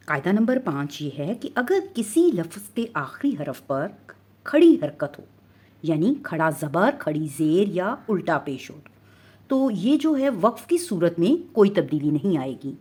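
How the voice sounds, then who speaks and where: A patient woman with a Pakistani Urdu accent teaching, her voice sitting on the low side. She explains each rule step by step, quizzes her students and slowly draws out the recited Arabic words. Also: a little mellow, slightly rough.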